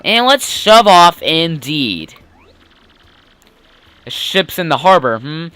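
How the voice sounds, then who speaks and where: A man voicing an old, grieving sailor who is a living bomb, speaking slowly, low and solemn. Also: very animated, sharp tone, smooth, no echo, full character voice. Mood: gruff.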